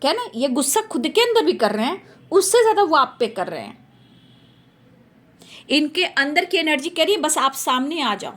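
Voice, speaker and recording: A woman doing a tarot reading for her viewers, talking emphatically and repeating phrases for stress. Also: high-pitched. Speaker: tarot reader.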